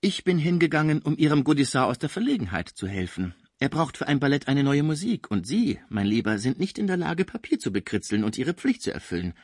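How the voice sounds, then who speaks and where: A man's voice: on the high side, big pitch swings, fairly quick, few pauses, slightly rough, no room sound, clean studio sound, voice pushed up. A man reading an audiobook, voicing a shrewd, pushy working-class caretaker woman who talks in a nonstop, scolding torrent. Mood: chattering. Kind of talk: audiobook character voice.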